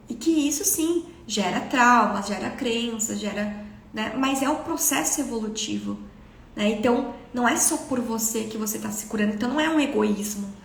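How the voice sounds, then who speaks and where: High, gravelly Brazilian woman hosting a live stream. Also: roomy sound, slight background noise. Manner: expressive, earnest, storytelling. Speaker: spiritual self-development host. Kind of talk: casual live-stream talk.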